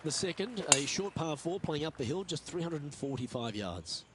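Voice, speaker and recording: A man playing a golf commentator, calling play in a polished, measured broadcast style for a video game. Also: on the high side, sing-song. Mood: composed. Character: upbeat male TV golf anchor. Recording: clear background noise.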